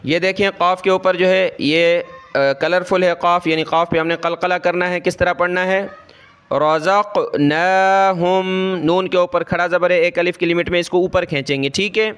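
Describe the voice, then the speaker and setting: A man teaching Quran reading, who explains pronunciation rules quickly and then recites each word slowly and drawn out. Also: high-pitched, steady tone, a bit bright, smooth. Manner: rapid explanations alternating with slow drawn-out recitation of words; asks and answers his own questions, repeats words, checks understanding.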